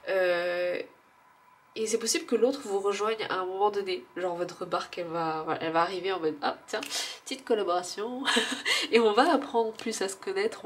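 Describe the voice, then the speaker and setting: A woman's voice: mid-range voice, a little hiss or hum. Stuffy-nosed woman musing through a card reading. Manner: musing and hesitant, with frequent fillers; laughs softly at herself. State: stuffy nose. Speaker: oracle card reader. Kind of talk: casual spiritual card reading.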